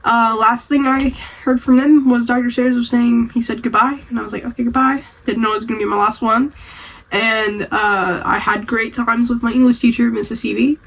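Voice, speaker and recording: A woman's voice: a little high, steady tone, moderate pace, fairly bright tone, low-quality recording. Rambling young woman with a cold. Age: young adult. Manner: rambling, self-deprecating. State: has a cold. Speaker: vlogger. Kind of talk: casual rambling vlog.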